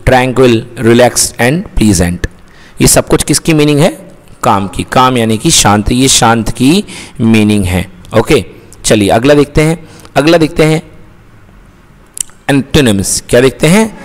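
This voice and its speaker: A male teacher giving a lesson in Hindi mixed with English, who asks his own questions and then answers them. His voice sits at a middle pitch. A long reverb hangs behind his voice. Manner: asks questions and answers them himself, calls listeners beta.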